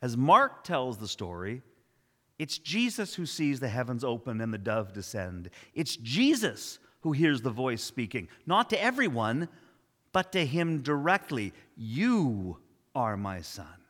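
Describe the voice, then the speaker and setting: Animated, wry man preaching a sermon. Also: medium pitch, measured pace, in a large hall. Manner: conversational, wry asides, emphatic repetition. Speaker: pastor.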